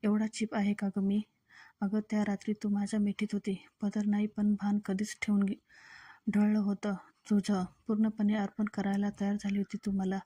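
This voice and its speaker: A woman reading the lines of a hurt, reproachful young man in a flat, even voice. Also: medium pitch, normal speed, close to an everyday voice.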